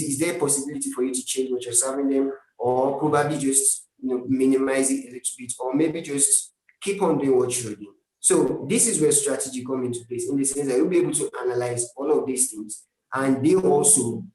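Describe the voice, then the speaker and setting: A man's voice: mid-range voice, warm tone. A man with a Nigerian accent, a brand strategist, explaining earnestly in a live-stream interview with many restarts and tag questions. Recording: echoey room.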